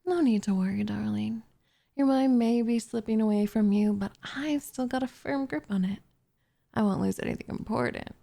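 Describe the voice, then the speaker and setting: A woman with a fairly high, warm, gravelly voice speaks at normal speed, playing a doting, possessive young witch who is turning her captive into a pet cat. In this intimate ASMR roleplay she coos and teases with smug condescension, often dropping to a whisper close to the mic.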